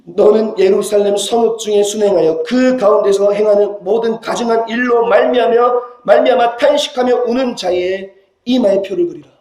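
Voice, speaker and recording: A man preaches a sermon in a high, fervent voice that drops to hushed pleading and rises to loud cries. The recording carries the roomy echo of a church sanctuary. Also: moderate pace. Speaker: senior pastor. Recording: roomy church hall sound.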